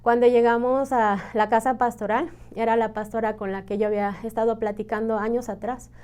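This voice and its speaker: A woman's voice: fairly high pitch, flat delivery, fairly quick, a little mellow, smooth. A woman with a Mexican Spanish accent giving an earnest, emotional personal testimony, often adding "¿no?" and "este" as fillers. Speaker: church member giving testimony.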